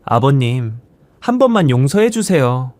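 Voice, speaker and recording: A man's voice: medium pitch, sing-song, unhurried, a little mellow, no echo. A man voicing a remorseful middle-aged daughter-in-law who pleads and begs tearfully in a storybook reading. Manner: tearful, begging.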